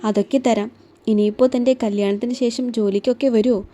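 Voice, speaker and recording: A young policeman in love speaks in quiet, gentle questions, as a woman reader takes his part. The voice is mellow and warm, never raised, with the easy pace of a storybook telling. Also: fairly high pitch, fairly even intonation, a little fast, lightly acted. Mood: tender.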